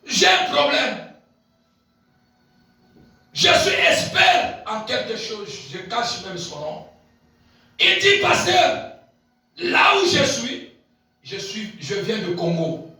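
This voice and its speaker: High, shouting preacher in an echoey hall. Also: male voice, very animated, takes it slowly, pauses often. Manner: swings between shouted peaks and low murmured asides; repeats and stretches key phrases. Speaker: pastor. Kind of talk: sermon. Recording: very echoey hall, voice picked up from a distance.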